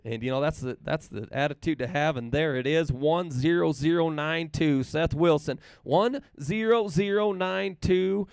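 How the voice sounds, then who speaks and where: Man, race announcer, play-by-play, smooth resonant voice, dry sound, repeats times slowly. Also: fairly high pitch, steady tone, no echo. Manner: folksy, chatty storytelling between runs. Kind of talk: live play-by-play commentary.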